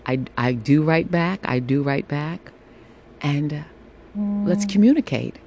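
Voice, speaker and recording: Slow, sultry, mellow-voiced woman podcaster. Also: low-pitched, expressive. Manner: slow, sultry, reassuring delivery with drawn-out, repeated phrases. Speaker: podcast host. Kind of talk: casual solo podcast monologue, encouraging check-in. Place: room at home with air conditioning running. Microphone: phone. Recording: air conditioner hum behind voice. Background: faint air conditioning noise.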